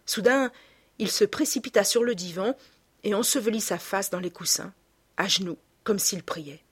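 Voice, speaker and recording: A woman narrating a classic novel in a measured, often hushed delivery. Her voice is breathy and husky, with a medium pitch. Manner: measured, dropping to a hush. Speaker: audiobook narrator. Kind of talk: scripted narration.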